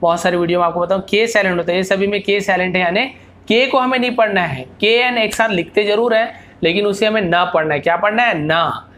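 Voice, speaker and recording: A man's voice: high voice, a bit bright, a little hiss or hum. Patient male teacher quizzing himself aloud. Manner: asks rhetorical questions, then answers them; repeats example words slowly. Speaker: English teacher. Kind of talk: explaining English phonics lesson.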